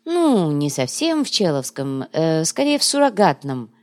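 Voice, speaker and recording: A woman voicing a sly male schemer who speaks in a soft, purring, ingratiating way. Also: low voice, sing-song, a little slow. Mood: coaxing.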